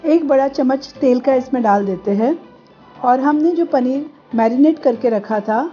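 A woman giving calm, step-by-step voice-over cooking instructions as host of a home cooking show. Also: sits high, moderate pace, muffled recording, faint music behind.

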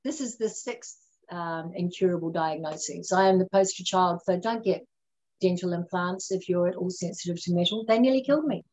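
A woman who is a radio interview guest, telling her own story earnestly and reflectively and slowing down on the lessons she wants to land. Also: on the low side, darkish tone, rough recording. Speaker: guest speaker.

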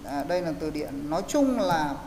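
Man, slightly high voice, teaching online, explains step by step; long reverb, room echo. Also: animated, normal speed, darkish tone. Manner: explanatory, coaching students step by step. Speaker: English pronunciation teacher. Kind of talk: online class instruction. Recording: echoey, roomy hall sound with faint hiss.

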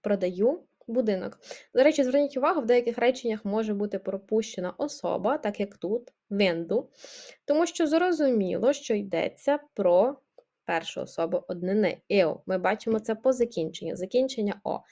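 Woman, language teacher, patient explanations, grammar lesson, medium pitch. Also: lively intonation, a little fast, dark tone. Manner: patient, explanatory, checks in with "так?".

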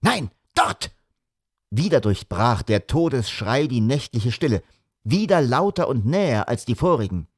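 A man reading an audiobook, with measured, atmospheric dramatic narration. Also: mid-range voice, big pitch swings, a little mellow, slightly rough, no echo, clean studio sound.

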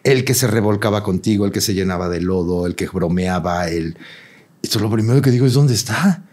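Husky Mexican man telling a story. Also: deep voice, a little fast. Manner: animated storyteller, acts out quotes. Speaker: guest. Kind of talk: casual chat.

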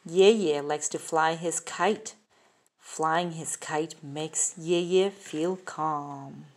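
A woman reading a picture book aloud, slowly and carefully, asking the listener questions, recorded on a phone held over the pages. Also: low voice, a little mellow. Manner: slow, careful, sing-song with questions to the child. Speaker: reader. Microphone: phone filming the book up close.

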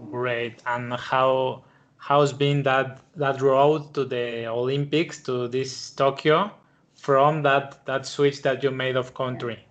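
Man in his thirties hosting by video call, slow and even-toned, halting questions, muffled audio. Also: medium pitch. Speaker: podcast host. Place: small indoor room. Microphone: headset on video call.

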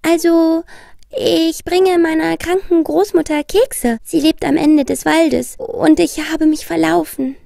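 A woman's voice: very high voice, steady tone, slow pace, creaky, warm tone, dry recording, studio quality, voice pushed up, heavily acted. A woman voicing a polite, earnest, trusting little girl in a children's fairy tale. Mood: sheepish.

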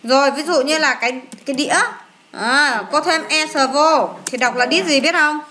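High bright woman teacher. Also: moderate pace, slight background noise. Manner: coaxing, asks questions and answers them herself. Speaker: English teacher. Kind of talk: explaining test answers to a child.

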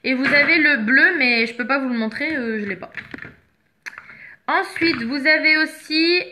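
A woman's voice: high-pitched, a little slow, background noise. A woman chatting casually as she shows makeup products one by one, stopping now and then to hunt for a missing item. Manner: chatty, searches for products while talking. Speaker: makeup seller presenting products.

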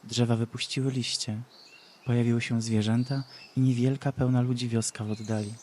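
A man reading a fantasy story aloud in a calm, measured storytelling voice. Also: mid-range voice, slight background noise. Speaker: audiobook narrator. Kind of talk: scripted fantasy narration.

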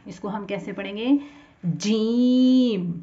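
A woman with a Pakistani Urdu accent teaches children Quran reading, patiently repeating each letter sound and explaining how to shape the mouth. Her voice is medium-pitched, slightly mellow, and measured, drawing out sounds in a slow lesson. The audio is dull and lo-fi.

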